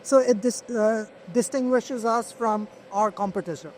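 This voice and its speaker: High-voiced man over clear background noise. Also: unhurried. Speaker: manufacturer representative being interviewed. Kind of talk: conversational product explanation. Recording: clear ambient noise on location.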